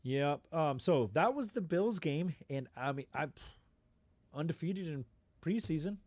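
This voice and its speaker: A man co-hosting a podcast, chatting casually about football in a relaxed, rambling way with frequent ums. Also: fairly high pitch, measured pace, no room sound. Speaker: podcast co-host. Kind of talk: casual sports chat.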